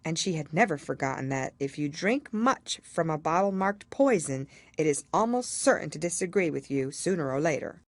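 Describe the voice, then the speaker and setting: A woman reading a storybook aloud as scripted narration, in an expressive, measured storytelling manner. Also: sits low, dry recording, studio quality. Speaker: audiobook reader.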